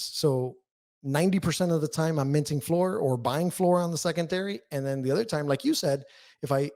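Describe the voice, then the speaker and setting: A man with a medium-pitched, slightly mellow voice appears as a guest on a podcast. He writes a newsletter and explains things candidly and emphatically in casual interview conversation.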